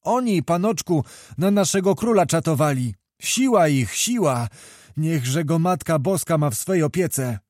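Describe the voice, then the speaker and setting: Male reader doing scared peasant fugitive, higher and louder, urgent. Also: animated, measured pace, no echo, clean studio sound. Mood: frantic. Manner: urgent, pleading, raised voice. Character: frightened peasant man fleeing a burning town.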